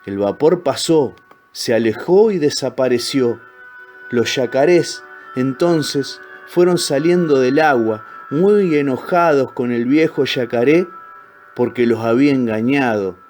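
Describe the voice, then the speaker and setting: A man narrates a storybook with a calm, measured telling at a mid-range pitch. Soft, faint music runs quietly behind his voice. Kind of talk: storybook reading.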